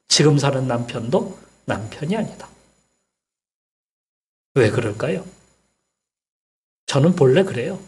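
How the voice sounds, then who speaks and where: A man delivering a sermon in a church, his voice set a little high and audibly husky. He talks to the congregation like a conversation, checking in with them often, and now and then his pitch jumps up for emphasis. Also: darkish tone. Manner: prods the congregation with frequent "eh?" tags. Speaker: pastor. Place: church sanctuary.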